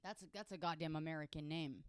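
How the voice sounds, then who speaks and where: A woman's voice: low-pitched, fairly even intonation, fast talker, smooth. A woman co-hosting a casual comedy podcast, playful and emphatic with a mock-serious delivery. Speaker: podcast co-host.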